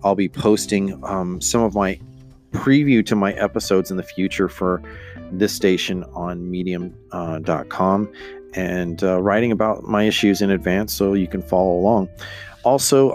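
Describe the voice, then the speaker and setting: A man's voice: low-pitched, darkish tone. A man hosting a solo podcast in a casual, hesitant, meandering way, often thinking aloud. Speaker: podcast host.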